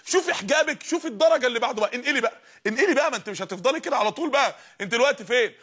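A man's voice: very high voice, lively intonation, racing, fairly bright tone, slightly rough. A man preaching with an Egyptian Arabic accent, fervent and emphatic, raising his voice at times. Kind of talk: energetic religious lesson.

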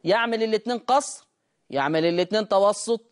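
A man with an Egyptian Arabic accent teaching Quran recitation rules, asking himself questions and answering them, with slow, drawn-out demonstrations of the sounds. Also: sits high. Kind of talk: recitation lesson. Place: teaching room with a board.

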